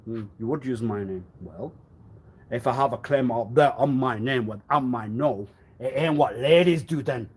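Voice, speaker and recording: A man rambling through a live stream monologue, swinging between loud outbursts and low muttering, often laughing and clearing his throat. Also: moderate pace. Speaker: livestreamer.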